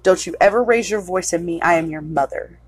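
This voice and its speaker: A woman's voice: on the low side, brisk, a crowd in the background, lightly acted, poor audio. A woman reciting the lines of a bitter grieving mother reproaching her teenage son in a resentful monologue.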